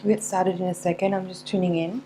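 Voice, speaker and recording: A woman giving a mystical horoscope tarot reading, unscripted, in a searching, halting manner with repeated words. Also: fairly low pitch, steady tone, mellow, a little hiss or hum, low-quality recording. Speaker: tarot reader.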